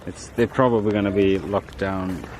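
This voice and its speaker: A man's voice: low-pitched, fairly even intonation, moderate pace, a little mellow, rough recording. A man in his thirties talking casually for a travel vlog. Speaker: vlogger, travelling parent. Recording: clear outdoor and vehicle background noise.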